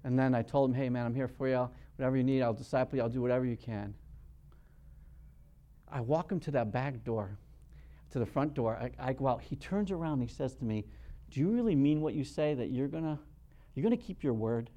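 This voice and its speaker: A man preaching a sermon as pastor, acting out quotes and swinging between quiet storytelling and loud bursts, often repeating words as he restarts. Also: mid-range voice, animated, fairly quick, lo-fi sound.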